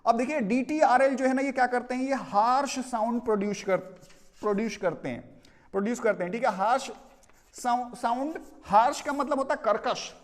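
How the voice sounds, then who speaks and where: Casting: male English teacher with an Indian accent, very high voice, steady classroom explaining, long room reverb. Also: normal speed. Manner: explains with repeated "theek hai" check-ins, mixing Hindi and English. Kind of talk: classroom pronunciation lesson.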